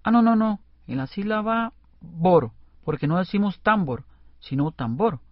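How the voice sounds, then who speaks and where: A man's voice: sits high, expressive, moderate pace, no room sound. A man on a scripted educational radio show, explaining spelling rules step by step. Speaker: co-host playing the student. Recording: dry, lo-fi radio recording.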